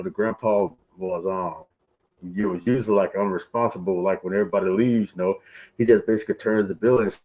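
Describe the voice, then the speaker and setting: A man's voice: fairly low pitch, darkish tone, low-quality recording. A man streaming a casual movie review, talking through a face mask that muffles his voice, rambling with many fillers. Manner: rambling, heavy use of fillers like "you know" and "right here".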